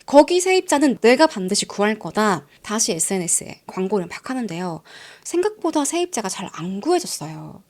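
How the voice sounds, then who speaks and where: A woman hosting a storytelling channel, telling a true-crime story in a chatty way and addressing her listeners directly. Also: medium pitch. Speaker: storyteller host.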